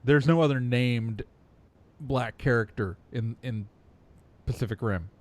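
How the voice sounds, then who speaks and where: A man co-hosting a podcast in casual panel chat, rambling with frequent halting restarts. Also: medium pitch, no room sound. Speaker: podcast co-host.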